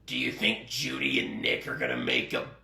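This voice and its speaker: A man playing a creepy, lewd, leering cinema customer in a halting way for a comedy sketch. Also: fairly low pitch, very animated, creaky, bright, forceful tone, exaggerated voice. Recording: roomy echo, faint crowd.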